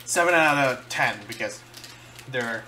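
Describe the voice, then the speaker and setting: Bright-voiced man chewing through a tasting vlog. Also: medium pitch, expressive, a little hiss or hum. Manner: halting, searching for words, talks while chewing. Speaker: vlogger. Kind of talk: casual food-tasting vlog.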